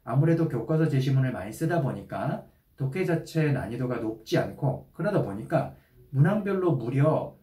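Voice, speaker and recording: A man giving a calm, methodical lecture as an essay exam instructor, speaking directly to students. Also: mid-range voice, echoey room, far from the mic. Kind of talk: explanatory lecture.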